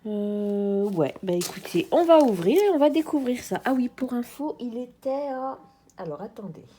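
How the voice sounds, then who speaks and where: A woman's voice: fairly high pitch, animated, normal speed, mellow, slightly rough. A woman with a French accent chatting casually to her viewers as she unboxes a craft kit, hesitant and friendly, often speaking to them directly. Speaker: craft vlogger.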